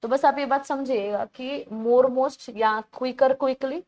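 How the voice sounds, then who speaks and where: A woman's voice: high-pitched, fairly even intonation, slow, a little mellow. A woman teaching grammar in an online exam-prep class, explaining patiently in Hindi mixed with terms, repeating key words and calling her students beta.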